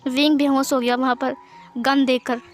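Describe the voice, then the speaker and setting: A woman's voice: high-pitched, flat delivery, moderate pace, faint music behind. A woman narrating fan fiction aloud in a plain, conversational way. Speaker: storyteller.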